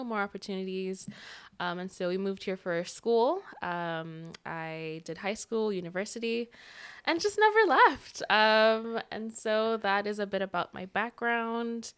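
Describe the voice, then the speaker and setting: A young woman from Uganda, co-hosting a podcast, speaking earnestly and warmly with many pauses. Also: medium pitch, smooth. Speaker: podcast co-host. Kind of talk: casual podcast chat.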